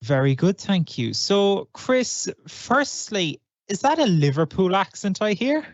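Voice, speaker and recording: A man's voice: high-pitched, sing-song, unhurried, no echo. Upbeat man hosting a podcast. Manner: upbeat, friendly, conversational. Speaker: podcast host. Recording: dry, slightly dull lo-fi sound.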